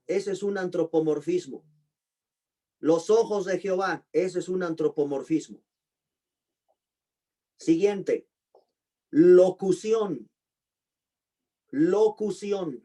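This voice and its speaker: A pastor giving an online Bible class, slowly repeating and spelling out terms and putting questions to his students. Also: a little high, warm tone. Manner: slow, deliberate spelling-out of terms. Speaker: pastor and teacher.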